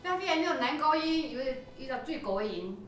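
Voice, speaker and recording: A woman choir teacher coaching singers in rehearsal, energetic and coaxing, sometimes singing a phrase to show how it goes. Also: high-pitched, fairly quick, over loud music. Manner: energetic, coaxing, breaks into sung demonstrations. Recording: echoey hall, voice from far off.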